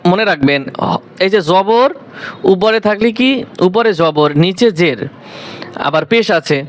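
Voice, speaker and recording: A man with a Bangladeshi Bengali accent teaching Quran reading, slowly drilling and repeating syllables for beginners. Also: sits high, animated. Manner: slow, repetitive drilling of syllables. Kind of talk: step-by-step recitation lesson.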